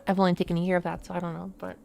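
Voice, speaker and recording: A woman's voice: fairly low pitch, flat delivery, rapid-fire, creaky, warm tone, slight background noise. Chatty woman streamer rambling with fillers. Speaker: VTuber streamer. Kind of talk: casual chat while playing a game.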